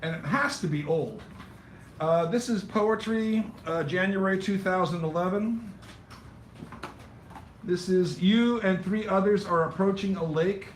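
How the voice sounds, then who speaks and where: A man's voice: sits high, unhurried, far from the mic, a little hiss or hum. Rambling man hosting a cafe open mic. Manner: rambling, self-interrupting announcements with wry asides. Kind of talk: emceeing a poetry open mic. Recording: echoey cafe room recorded from afar.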